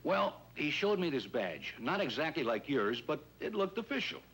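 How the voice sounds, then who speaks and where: Here the swindled shopkeeper, a wary and folksy robbery victim, comes across hesitant and plain, earnest and rueful. The actor uses a fairly high, sing-song, fairly bright voice at a moderate pace. It's from a 1950s police drama with a noisy, old film soundtrack.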